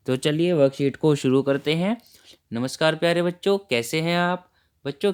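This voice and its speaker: Friendly male teacher, smooth clear voice. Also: on the high side. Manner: friendly, explaining step by step. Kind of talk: worksheet lesson for children.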